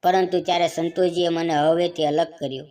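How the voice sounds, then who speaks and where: Calm, low-pitched woman narrating a story. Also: fairly quick. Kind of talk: first-person story narration.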